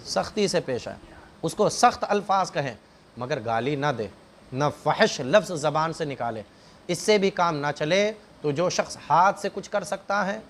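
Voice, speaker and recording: A man teaching a religious lesson who explains step by step, keeps asking the listeners rhetorical questions, and acts out scolding and advice in quoted voices. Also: on the high side.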